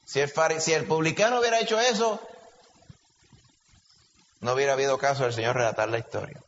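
A man's voice: mid-range voice, brisk, a bit bright. A man with a Puerto Rican accent preaching a sermon in a conversational way, often asking his congregation questions. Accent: Puerto Rican Spanish. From Puerto Rico. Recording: dull lo-fi recording with long reverb and faint hiss.

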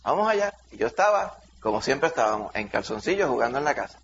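A middle-aged man with a Dominican accent, a pastor leading a Bible study by telling a lively childhood story with shouted sound effects. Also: medium pitch, fast, vocal fry. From Dominican Republic. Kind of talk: preaching through a personal story. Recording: dull lo-fi sound, faint hiss.

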